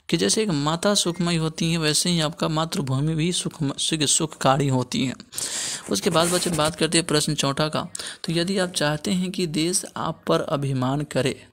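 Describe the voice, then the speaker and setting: A man's voice: fairly high pitch, gravelly, fairly bright tone. A man teaching a school textbook lesson, talking to his pupils as children, giving earnest moral advice and often saying "okay". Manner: addresses pupils as children, repeats "okay" as a filler. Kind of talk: Hindi textbook lesson explanation.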